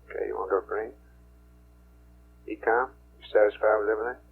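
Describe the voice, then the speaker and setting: Low, flat-toned man on mission control radio. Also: creaky, narrow, tinny audio. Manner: brisk, businesslike. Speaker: mission control flight director. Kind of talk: mission control radio, clipped procedural roll call. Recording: noisy band-limited radio loop with hum. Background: hiss and hum.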